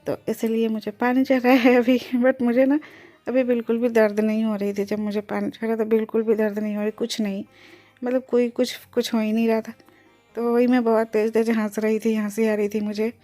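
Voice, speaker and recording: A woman's voice: a little high, little pitch movement, a little fast, dark tone, soft background music. A young pregnant woman near her delivery narrating her day in a chatty vlog, explaining things as she goes and mixing in English words. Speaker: vlogger.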